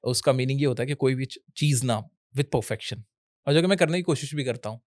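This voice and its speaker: A man's voice: medium pitch, brisk, a little mellow, no echo, clean studio sound. A young man from India, a guest on an interview show, giving casual advice and mixing Hindi with English. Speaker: educational YouTuber guest. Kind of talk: casual Hinglish interview talk.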